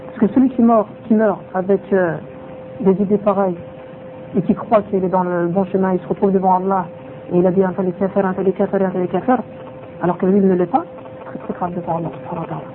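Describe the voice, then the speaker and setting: Giving a religious lesson, the teacher uses Arabic phrases and restates his points to drive them home. His high voice stays level in tone and moves quickly. The audio has a tinny, telephone quality and faint noise.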